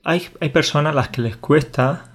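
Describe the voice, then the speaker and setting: A man's voice: on the high side, moderate pace, slightly rough. A man from Andalusia with an Andalusian Spanish accent, co-hosting a casual podcast chat. He jokes, laughs easily and explains things patiently. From Andalusia, Spain. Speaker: podcast co-host.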